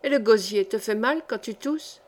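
A sharp-tongued peasant cook who grumbles and scolds, read by a woman. The voice sits fairly high. It stays close to the reader's own. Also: moderate pace, lightly acted. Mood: gentle. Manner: angry, grumbling.

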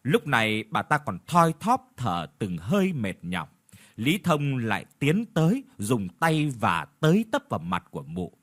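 Husky man narrating a horror story. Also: mid-range voice, wildly swooping pitch, measured pace, a bit bright. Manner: vivid, dramatic storytelling.

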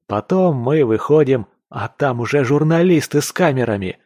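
Reading an audiobook, a man voices an excited, boastful young male fighter with an eager, loud delivery. The character sits at medium pitch, a little above the performer's own voice but close to everyday speech, at a moderate pace in a dry, clean studio recording.

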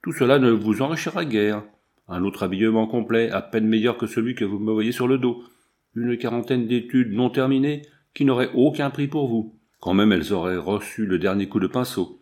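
A man reading the part of a young English painter held captive, answering calmly and wryly. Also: mid-range voice, normal speed, lightly acted. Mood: resigned.

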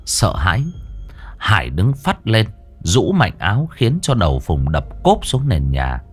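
A man's voice: low-pitched, wildly swooping pitch, a little slow, husky. A man narrating a ghost story in a vivid, colloquial storytelling manner. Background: soft music.

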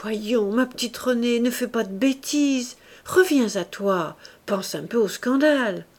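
A woman's voice: fairly high pitch, measured pace, pitched above the performer's own voice. A woman voicing a frightened, weak-willed young man in an audiobook of a classic novel, pleading in a nervous way. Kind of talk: audiobook character reading.

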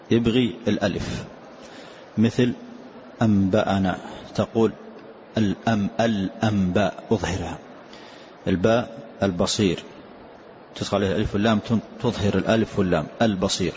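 An older man, a sheikh, explains the rules of a recitation poem line by line in a calm, repetitive way, often saying "yes" between points. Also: on the low side. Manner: calm, repetitive, answers with short "na'am". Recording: dull lo-fi lecture recording with faint hiss.

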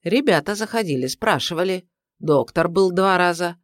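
A man's voice: sits high, animated, moderate pace, no echo, studio quality. A man reading aloud, voicing a curt, plain-spoken older housekeeper woman. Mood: matter-of-fact.

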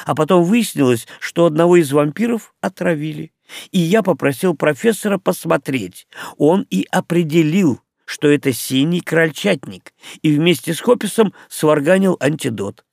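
A man's voice: a little high, animated, moderate pace, gravelly, darkish tone, no room sound, clean studio sound. A man voicing a cheerful, joking young male doctor in an audiobook. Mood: breezy.

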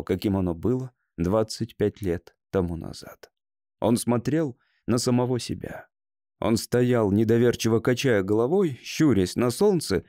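A man reading a story as an audiobook narrator, in a measured, even manner. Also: lowish voice, no room sound, studio quality. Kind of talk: scripted narration.

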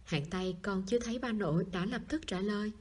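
A woman reads a novel aloud as an audiobook. Her voice is husky and a little breathy, and she keeps a calm, even storytelling pace. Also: mid-range voice, fast. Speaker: audiobook narrator. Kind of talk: audiobook narration.

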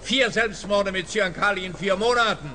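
Pompous cop for a radio drama, piercing higher voice, always mocking. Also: male voice, normal speed, pushed and bright, a little hiss or hum. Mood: dismissive. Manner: pompous, taunting. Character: smug, mocking male police officer. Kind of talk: scripted radio play acting.

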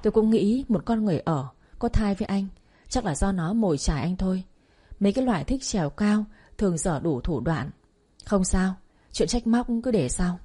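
A woman voicing a proud young wife betrayed by her husband, speaking with sharp, cutting accusations. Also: medium pitch, expressive, normal speed, husky. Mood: coldly controlled.

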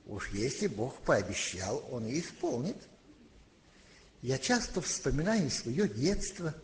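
An older man preaching a sermon, telling a childhood story slowly and with emphasis, and crying out when he quotes scripture. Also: mid-range voice, very animated, poor audio. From Leningrad, Russia. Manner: slow, emphatic storytelling with rising cries when quoting. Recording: faint background hiss, archival tape.

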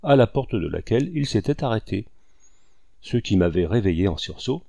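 A man narrates a classic adventure novel in the first person, measured and dramatic in his telling. His voice sits low and carries a gravelly rasp. The recording is close and dry, with no room sound. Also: sing-song, mellow, no echo. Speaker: audiobook reader.

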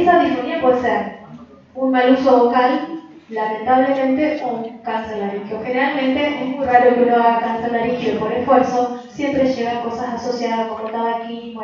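High-voiced woman lecturing in an echoey hall. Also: a little mellow. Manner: explanatory, emphatic repetition. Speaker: voice workshop speaker. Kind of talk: lecture to a group. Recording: echoey room, distant mic, dull sound.

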